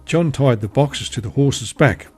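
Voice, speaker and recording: Calm man reading a bedtime story. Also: mid-range voice, unhurried, breathy edge, faint music behind.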